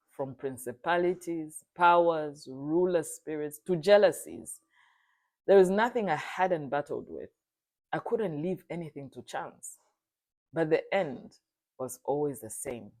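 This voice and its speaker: A speaker from Zambia giving an earnest, solemn personal testimony, sometimes halting and restarting. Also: medium pitch, darkish tone. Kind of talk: reflective spoken testimony.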